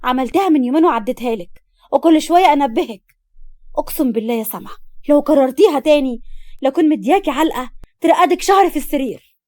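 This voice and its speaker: Woman doing a sharp scolding older sister. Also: high voice, lively intonation, fast talker, dry recording, studio quality. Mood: angry. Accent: Egyptian. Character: hot-tempered young woman, protective older sister.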